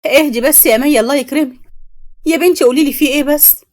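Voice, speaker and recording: A woman's voice: sits high, fast talker, a little mellow, voice pushed up, natural voice. Woman playing a worried Egyptian mother. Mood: pleading. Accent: Egyptian Arabic. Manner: pleading, scolding.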